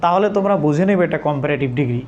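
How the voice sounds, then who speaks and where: A man teaches a classroom lesson in a fairly high, lively voice, talking very fast and drilling his pupils by asking the same question over and over until they answer. The recording has its highs cut off and is full of loud classroom crowd noise, with a class of children answering in chorus behind him.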